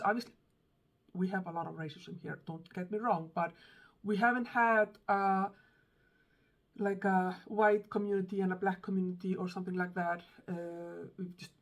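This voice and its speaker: Speaking English with an Icelandic accent, a woman from Iceland talks casually to the camera as a book vlogger. Her medium-pitched voice is thoughtful and hesitant, full of ums and false starts while she searches for words.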